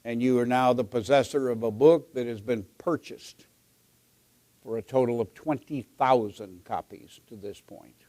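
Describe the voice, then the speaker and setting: Measured American man hosting on stage. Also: mid-range voice, warm tone. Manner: measured, rhetorical, repeats phrases for emphasis. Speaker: event host and interviewer. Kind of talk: onstage introduction and interviewing. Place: on stage at a luncheon event.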